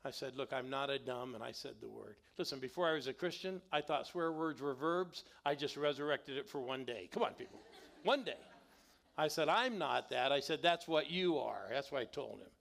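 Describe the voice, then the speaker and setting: Gravelly-voiced man telling a sermon story. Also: medium pitch, a little fast, hardly any pauses. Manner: animated, calls on the congregation to respond. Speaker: guest pastor. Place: church sanctuary.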